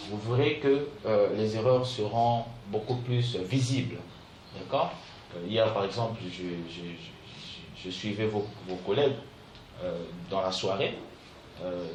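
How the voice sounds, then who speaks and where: A male call center trainer, teaching a class and checking in with his students all the time. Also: mid-range voice. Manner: keeps checking in with "d'accord?" and "vous comprenez?"; repeats key phrases slowly for dictation. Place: training room. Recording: echoey room with faint background noise.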